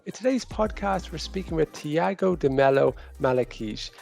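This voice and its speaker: A man's voice: on the high side, animated, normal speed, creaky, darkish tone, soft background music. A man hosting a podcast, asking questions in an upbeat, enthusiastic way. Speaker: podcast host. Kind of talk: podcast interview.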